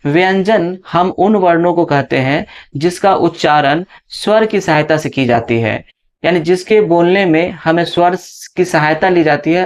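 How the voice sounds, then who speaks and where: Male tutor with a slightly high voice, explaining patiently and checking in often. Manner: explains step by step with frequent "है ना" and "ठीक है" check-ins; draws out letter sounds slowly when reciting them. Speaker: teacher. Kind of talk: classroom lesson explanation.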